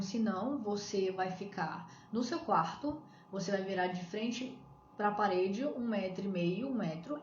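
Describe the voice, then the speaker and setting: A Brazilian woman giving advice in a live-stream talk, explaining step by step and asking herself rhetorical questions. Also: mid-range voice. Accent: Brazilian Portuguese. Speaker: coach on shyness. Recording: echoey room, dull lo-fi sound, faint hiss.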